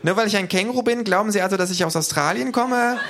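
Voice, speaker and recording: A man doing a shrill, cheeky kangaroo. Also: lively intonation, a little fast. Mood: indignant. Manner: shrill, shouting outbursts. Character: cheeky indignant male kangaroo, shrill and loud.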